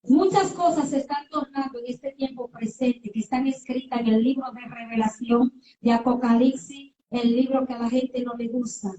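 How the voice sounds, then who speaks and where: A woman's voice: on the high side, steady tone, normal speed, mellow. A woman preacher giving a sermon. She speaks emphatically, asks rhetorical questions and acts out little dialogues. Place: church sanctuary. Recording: echoey room, voice from far off the mic.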